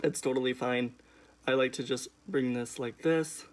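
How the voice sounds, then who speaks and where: Young adult male drag queen host, sassy and emphatic, mid-pitched, casual tutorial chat. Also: fairly even intonation, moderate pace. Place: indoors, small room at home.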